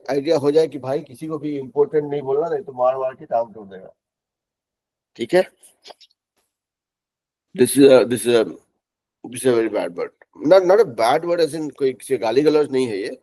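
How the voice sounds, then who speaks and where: A middle-aged man from Bihar teaching English pronunciation in a classroom, spelling words out letter by letter and repeating them slowly. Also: medium pitch, mellow. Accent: Bihari Hindi. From Bihar, India.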